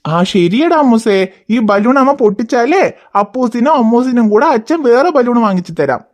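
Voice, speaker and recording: A woman voicing a patient father in a cartoon, coaxing and explaining gently but firmly. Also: fairly high pitch, very animated, normal speed. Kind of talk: cartoon voice acting.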